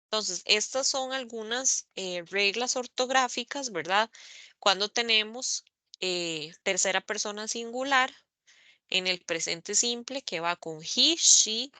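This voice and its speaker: A woman teaching English grammar in an online class, speaking slowly and carefully, spelling out letters and repeating examples. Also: medium pitch, bright, forceful tone, no room sound. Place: online meeting recording.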